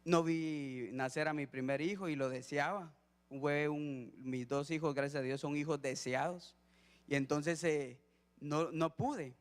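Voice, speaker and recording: Male deacon, fairly high voice, conversational sermon in an echoing church hall. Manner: conversational, acts out dialogue with his son. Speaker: deacon preaching. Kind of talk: sermon with personal story. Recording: long church hall reverb.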